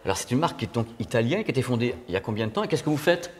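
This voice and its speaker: Strolling through a factory inside and out, a male video host narrates his vlog tour with jokey excitement and frequent exclamations. His mid-range voice is slightly rough, swings widely in pitch, and moves very fast.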